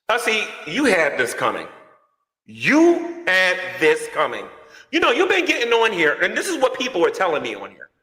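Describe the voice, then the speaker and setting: Man, cave-like echo, long hall reverb, high animated voice, dramatic call-outs. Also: moderate pace. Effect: heavy cave-like echo. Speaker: YouTuber. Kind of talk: ranting video commentary. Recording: echoey reverb-heavy video clip.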